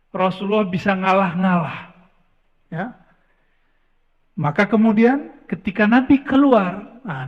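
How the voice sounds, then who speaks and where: A man preaching a sermon, telling a story emphatically with casual asides. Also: high voice. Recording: echoey hall, dull lo-fi sound.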